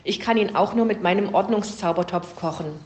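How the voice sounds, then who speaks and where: A woman's voice: mid-range voice, fairly quick, darkish tone, close to an everyday voice. A woman voicing Order, a careful, caring female healer in a read-aloud fable. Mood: soothing. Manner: careful, soothing. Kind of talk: storybook reading. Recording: roomy echo.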